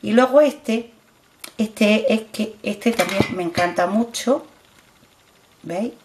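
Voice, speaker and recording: Against a noisy background, a middle-aged woman with a Spanish accent from Spain speaks slowly in a medium-pitched voice. As a beauty vlogger, she casually displays her products on camera and keeps repeating herself, asking viewers to look closely.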